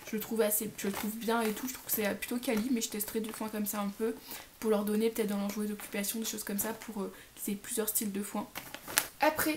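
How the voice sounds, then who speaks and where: A woman's voice: on the high side, slight background noise. A young woman casually talking about her pet products in a haul vlog, chatty and full of fillers. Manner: chatty, lots of fillers and restarts. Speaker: pet vlogger.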